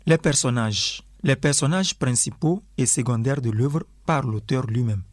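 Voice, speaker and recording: A man presenting a literary radio programme, reading a scripted introduction and summary in a measured, formal announcer style. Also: medium pitch, slight background noise.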